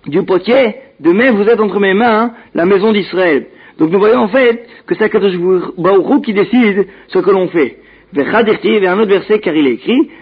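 A man teaches a religious text, reading out each Hebrew phrase before translating it into French at a measured pace. His voice sits high for a man, with a gravelly, husky edge. The recording sounds dull and lo-fi. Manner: measured teaching delivery with small restarts. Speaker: Talmud teacher.

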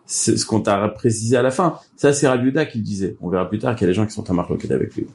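Guy teaching talmud, warm dark voice, keeps dropping in hebrew terms. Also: fairly low pitch, very fast, vocal fry. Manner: explanatory, mixing Hebrew-Aramaic terms into French. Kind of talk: daily Talmud class.

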